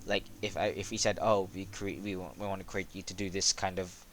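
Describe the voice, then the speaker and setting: A man with a lowish, monotone voice talks casually about his game project. He stops and restarts often and leans on fillers as he thinks aloud. Faint room ambience sits under the recording. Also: slight background noise. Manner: monotone, halting, many fillers. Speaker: game developer and host. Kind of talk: casual chat.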